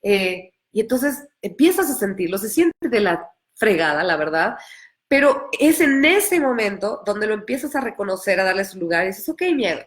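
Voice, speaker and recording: A woman's voice: mid-range voice, big pitch swings, normal speed. A woman giving a live coaching talk, earnest and direct, acting out inner voices and repeating key phrases. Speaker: empowerment coach.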